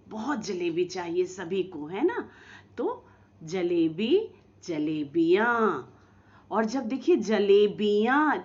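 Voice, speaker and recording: Slow, lively-voiced woman teacher. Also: fairly high pitch, muffled recording. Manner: slow, drawn-out pronunciation of example words; lively, coaxing teacher tone with questions to children. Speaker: school teacher. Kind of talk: recorded online lesson for young children.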